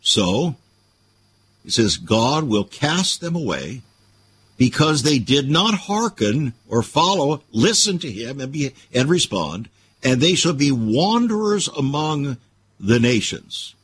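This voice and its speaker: A man's voice: medium pitch, sing-song, slow, a bit bright, breathy edge. A man hosting a radio show, giving preachy Bible-based commentary full of rhetorical questions.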